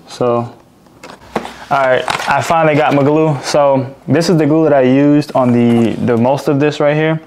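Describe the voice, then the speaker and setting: A man's voice: on the high side, darkish tone, a little hiss or hum. A young man casually talking through a DIY car repair as he works, laid-back and swearing now and then. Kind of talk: casual hands-on narration.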